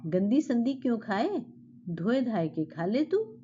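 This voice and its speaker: A woman voicing a mischievous little female sparrow who chants slow teasing songs. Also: fairly high pitch, big pitch swings, mellow, muffled recording, a little hiss or hum. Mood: taunting sing-song. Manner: slow sing-song chanting.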